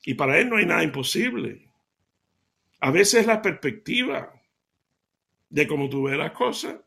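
A man giving a devotional talk, telling stories in an animated way and laughing as he goes. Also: on the high side, a little slow, vocal fry. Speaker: lay preacher.

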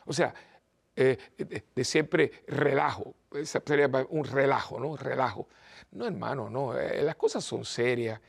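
An older priest from Cuba preaches in an earnest, scolding way. His mid-pitched voice has a gravelly edge. He fires off rhetorical questions and pauses on hesitant fillers. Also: expressive. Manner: peppers talk with rhetorical questions. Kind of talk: preaching talk.

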